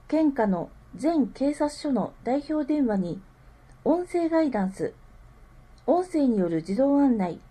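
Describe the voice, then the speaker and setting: A woman reading scripted public information aloud with careful, measured enunciation. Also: sits high, mellow. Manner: careful enunciation, digits read out slowly one group at a time. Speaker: reader of a town newsletter.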